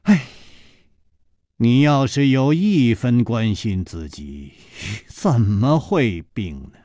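A man playing a charming young male hero in a storytelling reading, gently chiding. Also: medium pitch, sing-song, slow, no echo, studio quality. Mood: fond.

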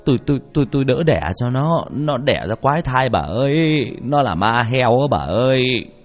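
A man's voice: on the low side, sing-song, fast talker, soft background music. A man voicing a frightened old male farmer who stammers and wails about a ghost. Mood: shaken stammering. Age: older.

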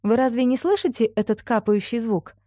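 Woman voicing young heroine, grumbling and exasperated, mellow tone, dry sound. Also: a little high, expressive, a little fast, dry recording, pitched above the performer's own voice, lightly acted. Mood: insistent. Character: young woman, irritable and uneasy.

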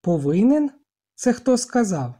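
Reader doing a mocking boy chief yelling taunts, audiobook, kinda husky. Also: medium pitch, very animated, unhurried, pitched above the performer's own voice. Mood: defiant. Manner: loud, taunting shouts. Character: defiant boy tribe chief, mocking and hostile.

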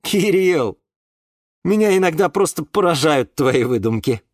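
A man's voice: a little high, animated, measured pace, no room sound, clean studio sound, voice pushed up. A man voicing a patient young man who reasons with his talking plants in a children's audiobook, with a reasoning, exasperated manner. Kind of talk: audiobook character voice.

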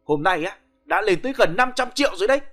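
A man voicing a brash middle-aged male middleman who talks fast, loud and scolding. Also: sits high, lively intonation, pitched above the performer's own voice.

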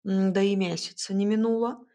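A woman voicing a proud, grumbling male house cat who talks slowly and purrs between words in an audiobook. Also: medium pitch, fairly even intonation, dark tone, natural voice. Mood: storytelling. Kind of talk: audiobook character voice.

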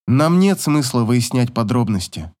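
A man's voice: mid-range voice, sing-song, unhurried, darkish tone. A man reading the part of a tired, resolute wife who speaks firmly and holds herself back. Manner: tired, firm and restrained. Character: weary, resolute young wife asking for divorce.

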